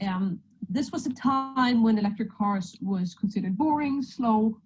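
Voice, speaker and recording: A Swedish woman with a Swedish accent gives a friendly, joking presentation as a guest presenter over a video call, sliding through her talk. Her voice is on the high side and a little slow, and the poor audio from the video call microphone carries some hiss or hum.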